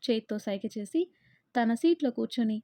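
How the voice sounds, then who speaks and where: A woman narrating a romance story, voicing the lovers' banter herself in a lively way. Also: on the high side, normal speed, no echo. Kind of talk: dramatic story reading. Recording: dull, muffled dry recording.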